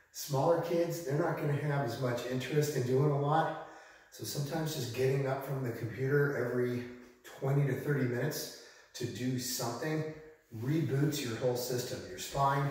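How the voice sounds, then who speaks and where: A man's voice: medium pitch, darkish tone. Man coaching in a big echoing room. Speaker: fitness coach, video host. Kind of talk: casual instructional exercise talk to camera. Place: bare unfurnished room at home during floor work. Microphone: camera mic from a distance. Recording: big echoey empty-room sound, distant mic.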